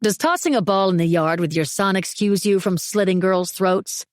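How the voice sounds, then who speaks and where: A woman's voice: mid-range voice, normal speed, dry recording, studio quality, close to an everyday voice. A woman voicing a brash, outspoken, overloud woman who talks bluntly and derisively.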